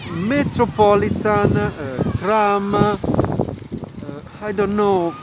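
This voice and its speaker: A man who is not a native English speaker gives casual walking-tour commentary in halting, repetitive, simple broken English, as a travel vlogger. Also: high voice, steady tone. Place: outdoors, walking in a city park. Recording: loud wind and outdoor noise.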